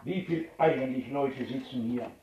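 A man's voice: mid-range voice, moderate pace. A man preaching a sermon as pastor, telling stories and speaking straight to his congregation. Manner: animated storytelling preacher, addressing the congregation directly. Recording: roomy, distant, dull old recording.

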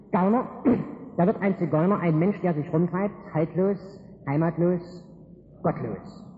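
Folksy preacher guy telling a bible story, high voice, tinny phone-like sound. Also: a little hiss or hum. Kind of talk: sermon retelling a Bible story. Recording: echoey hall over a tinny line.

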